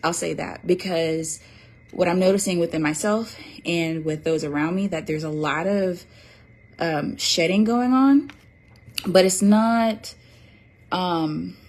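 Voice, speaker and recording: A woman's voice: lowish voice, slow, a little mellow. Chatty woman on a livestream. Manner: chatty, reads viewer comments aloud, fillers and restarts. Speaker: livestream host selling an oracle deck. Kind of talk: casual livestream chat.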